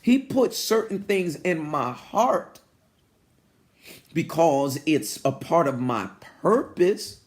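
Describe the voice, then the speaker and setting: A man's voice: a little high, takes it slowly. A man in his forties preaching a motivational sermon, congested and sniffling, calling out to his listeners and talking to God like a friend. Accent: New York. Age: 40s. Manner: animated, calls out to listeners, talks to God like a friend. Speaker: pastor. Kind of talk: live-streamed motivational sermon.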